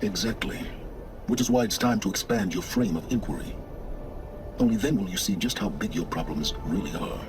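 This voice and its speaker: Sylens, an imperious deep-voiced scholar. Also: male voice, expressive, over music. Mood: urgent, probing. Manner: pompous, measured, theatrical delivery. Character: imperious, condescending male scholar of ancient ruins. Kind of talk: video game dialogue.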